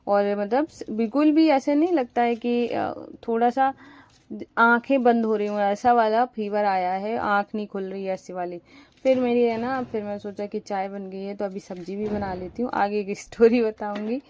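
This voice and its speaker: A woman's voice: medium pitch, normal speed, a little mellow. A young woman narrating her household chores in a chatty, rambling home voice-over while sick with a fever. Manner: chatty and rambling, frequent fillers. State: feverish and weak. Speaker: home vlogger.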